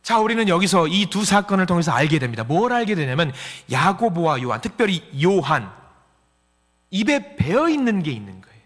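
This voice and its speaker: A bright, high-pitched man preaching a lively Sunday sermon, his voice leaping up and down as he swings from shouted lines to near-whispers. He acts out the sighs and voices of the people he quotes. His voice rings with long reverb in a church hall. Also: fairly quick. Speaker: pastor. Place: church sanctuary.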